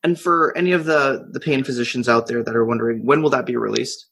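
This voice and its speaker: A man's voice: mid-range voice, fast, vocal fry, a bit bright, slightly rough. A man hosting a podcast interview, asking questions in a conversational way.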